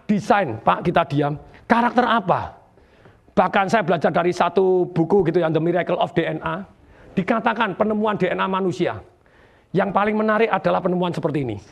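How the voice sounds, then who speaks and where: Male motivational speaker, high and gravelly, animated, quizzes the crowd; live seminar room with audience noise. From Indonesia.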